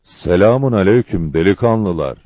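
Brief: booming old man, hearty and teasing, dark lively voice, put on by a male storyteller, lo-fi. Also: normal speed, no room sound. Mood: coaxing. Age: older. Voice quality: booming, hammering voice.

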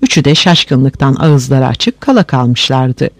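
A man narrating a story aloud in an expressive, animated way. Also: mid-range voice, a little slow, dry recording.

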